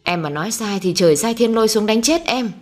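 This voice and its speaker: A woman's voice: a little high, animated, fast talker, darkish tone, soft background music, pitched above the performer's own voice, lightly acted. A woman reading a storybook, voicing a frightened young male servant who begs for mercy. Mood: pleading. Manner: pleading, trembling.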